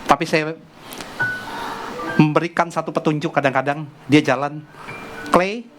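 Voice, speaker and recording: A middle-aged male pastor preaching at a church service, telling a family story in a chatty, animated way. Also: a little high, moderate pace. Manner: chatty, animated anecdote telling with acted quotes. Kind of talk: sermon with personal storytelling. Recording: music playing underneath. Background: background music.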